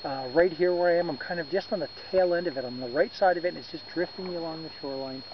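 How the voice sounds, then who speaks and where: A man in his thirties hosting a fishing vlog from a boat on a lake, explaining in a relaxed, casual way to a camera on a tripod. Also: on the high side, fast. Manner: relaxed, explanatory, gestures while talking, some fillers and self-corrections. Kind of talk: casual how-to talk to camera. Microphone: camera on a tripod a few meters away. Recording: dull lo-fi camera audio with wind noise.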